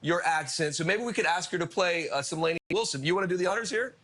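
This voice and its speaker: A man's voice: high voice, fast talker, a bit bright. A man hosting a radio countdown show, interviewing guests in an upbeat, teasing way.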